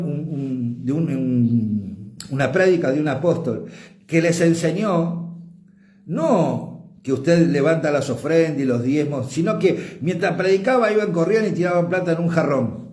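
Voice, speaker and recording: Forceful Argentine preacher in an echoey church. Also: male voice, on the high side. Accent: Argentine Spanish. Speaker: apostle and pastor. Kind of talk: sermon.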